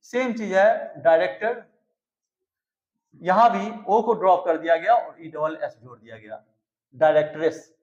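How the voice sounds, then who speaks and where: A man with a fairly high voice teaches an English grammar lesson. He spells out letters and repeats each word slowly to show how it is pronounced. The recording sounds roomy and a little muffled. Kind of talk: explanatory lesson. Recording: echoey, slightly dull recording.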